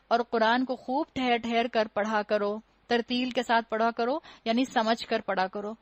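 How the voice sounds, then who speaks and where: A woman's voice: fairly high pitch, no echo, highs cut off. A woman giving a religious lecture, explaining patiently, using rhetorical questions and wry humor, and slipping English words into her talk. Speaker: Quran teacher.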